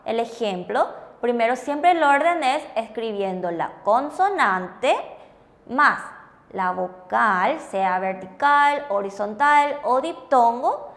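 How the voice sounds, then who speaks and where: Female teacher, high-pitched, patient, repeats and confirms each answer. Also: lively intonation, slow pace, fairly bright tone. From Paraguay. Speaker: language teacher co-hosting. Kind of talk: classroom explanation with questions.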